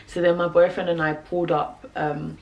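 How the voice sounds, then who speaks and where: A young British woman telling a personal story to camera, animated and laughing, with lots of fillers. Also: on the low side, moderate pace, vocal fry, muffled recording. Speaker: vlogger.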